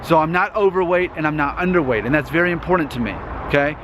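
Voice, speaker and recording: Fast and fairly high-pitched, this thirty-something YouTube host speaks earnestly to camera, repeating himself and checking with "okay?" The outdoor recording is noisy with traffic.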